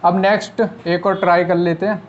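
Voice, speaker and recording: A man with a high voice and little pitch movement teaches shorthand at a brisk pace, the audio sounding dull. Patiently, he explains step by step in an online class, posing rhetorical questions and answering them himself.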